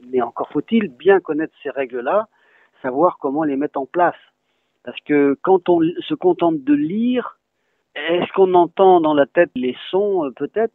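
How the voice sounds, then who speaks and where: A man's voice: on the high side, creaky, dry recording. A man who teaches a regional language, patiently answering interview questions and spelling words out letter by letter. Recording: dry, phone-like lo-fi sound.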